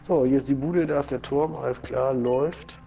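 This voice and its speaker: A man chatting easily while playing a game, slangy and quick to cheer his finds. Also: medium pitch, fairly even intonation, vocal fry, dark tone, dull audio, soft background music. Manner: easygoing, slangy, exclaims over finds. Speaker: Let's Play commentator. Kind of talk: casual gaming chat.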